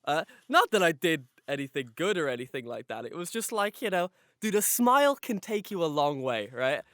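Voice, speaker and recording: Animated, higher-voiced man chatting casually. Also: normal speed, no room sound, studio quality. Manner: rambling, dude-and-man slang. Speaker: podcast host. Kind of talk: casual chat.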